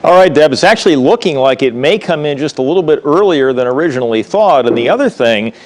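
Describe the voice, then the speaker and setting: A man's voice: fairly high pitch, lively intonation, fast talker. An American man presenting a live TV weather forecast as meteorologist, in a conversational style. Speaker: TV chief meteorologist.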